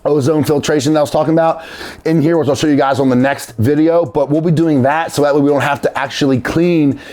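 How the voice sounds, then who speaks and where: A man's voice: fairly high pitch, fairly even intonation, fast talker, darkish tone. Casual man hosting a DIY vlog. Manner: informal, addresses viewers as guys. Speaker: host of a DIY video series. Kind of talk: casual how-to vlog talk to viewers.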